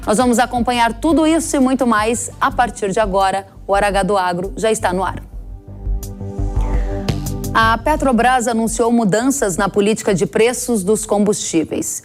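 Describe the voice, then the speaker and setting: Lady news anchor reading farm headlines, kinda high voice, formal and steady. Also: soft background music. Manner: measured, formal delivery.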